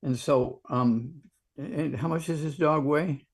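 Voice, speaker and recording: A man answering callers on a live show, brisk and folksy, cutting in to steer the talk. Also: on the high side, husky. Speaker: call-in show expert. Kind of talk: live call-in advice.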